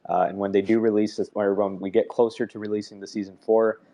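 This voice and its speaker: A man with a low, monotone voice talks through an update in a live audio chat. He explains in a relaxed way, with frequent fillers and restarts. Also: fast talker. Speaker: project team member.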